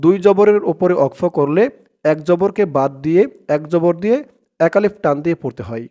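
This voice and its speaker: Male recitation teacher, high smooth voice, chants slowly, spells every word out. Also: mellow, dull audio. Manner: slow, drawn-out chanting of the Arabic words, brisk plain explanations between.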